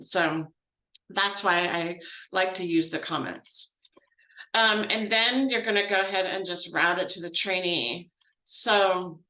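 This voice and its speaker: Woman running a casual training session, chatty, bright voice, echoey room. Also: on the low side. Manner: chatty and informal, with frequent fillers and asides. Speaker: grants trainer. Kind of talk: casual software training walkthrough.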